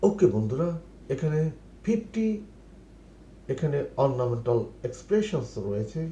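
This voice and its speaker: A middle-aged man with a Bangladeshi accent, teaching spoken English by reading phrases slowly and translating each one. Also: medium pitch, very animated, warm tone, muffled recording. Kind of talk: numbered spoken English lesson. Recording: echoey room with faint noise.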